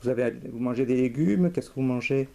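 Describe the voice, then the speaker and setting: Mellow-voiced man chatting on a hidden mic. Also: medium pitch, a little fast, vocal fry. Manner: listening, short murmured acknowledgements and casual questions. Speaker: informal interviewer. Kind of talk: casual conversation. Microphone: hidden camera microphone.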